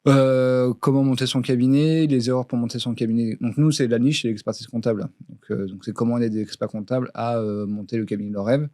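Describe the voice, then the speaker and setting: Talking fast with hardly any pauses, this podcast co-host has a medium-pitched, warm voice and fairly even intonation. Still, his casual chat is hesitant, full of fillers and false starts. The studio podcast mic gives a dry, close recording.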